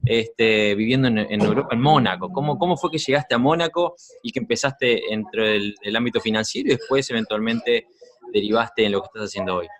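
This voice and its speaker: A man's voice: lowish voice, brisk. A man with a Rioplatense Spanish accent, hosting a podcast in a friendly, curious, conversational way. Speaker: podcast host. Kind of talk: podcast interview.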